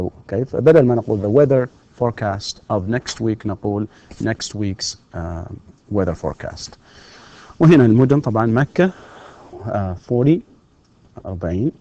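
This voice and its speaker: Slow gravelly male English teacher. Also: on the low side, warm tone. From Saudi Arabia. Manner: switches between English and Arabic, slow drilled example sentences. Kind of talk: distance-learning lecture. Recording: dull lo-fi lecture recording.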